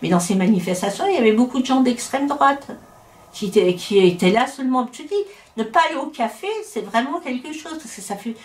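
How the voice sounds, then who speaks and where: A woman's voice: fairly high pitch, expressive, a little fast, darkish tone. A middle-aged woman from France talking in a casual interview, opinionated and chatty, often breaking off and restarting her sentences. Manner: talkative, opinionated, many restarts. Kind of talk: casual conversation. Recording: roomy echo.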